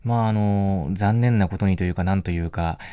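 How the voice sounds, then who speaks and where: Male voice actor, commentary track, quick and lively delivery, dry studio sound. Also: sits low, clean tone, dry recording. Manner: chatty, with mock-formal asides. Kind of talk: DVD audio commentary, casual chat.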